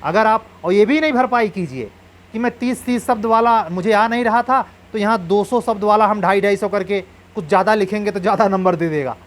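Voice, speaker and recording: A man's voice: high voice, fairly quick. Man giving earnest exam advice. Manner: earnest, advising, uses proverbs. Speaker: exam coach.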